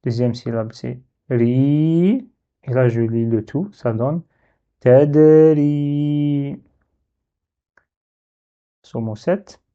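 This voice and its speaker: A man's voice: medium pitch, moderate pace, few pauses, highs cut off. A man teaching a reading lesson, patient and step by step, drawing out each syllable as he sounds it. He speaks with a French accent.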